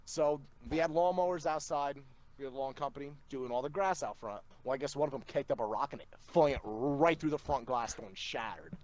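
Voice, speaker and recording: A man, a podcast guest, telling funny stories in an animated, laughing way over a remote call. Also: mid-range voice, brisk. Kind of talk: casual storytelling.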